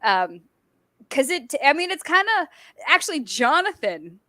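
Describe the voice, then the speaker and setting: A military veteran appears as a guest in a casual chat, telling animated stories with frequent laughter and swearing. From Massachusetts and the Azores, she has a Boston accent and speaks Portuguese as her first language. Her voice sits high and unhurried, recorded in a clean studio with no echo.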